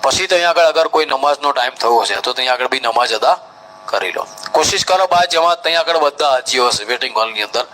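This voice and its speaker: Bright-voiced Gujarati man giving instructions. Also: medium pitch, expressive, fast, rough recording. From India. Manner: instructive, step-by-step, mimics crowds. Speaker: Hajj trainer. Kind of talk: live training talk.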